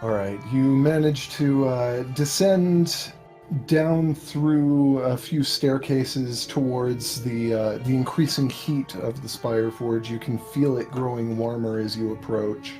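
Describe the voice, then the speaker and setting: A man narrating a tabletop game as game master, improvising the story in a halting, measured way. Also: mid-range voice, steady tone, warm tone, low-quality recording. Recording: faint background music.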